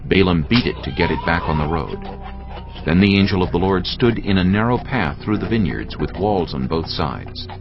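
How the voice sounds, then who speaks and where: Scripture is read by a man whose voice is extremely deep and gravelly, his delivery expressive, scripted, and dramatized, with wide-ranging intonation at a moderate pace. Soft music sits under the somewhat dull recording.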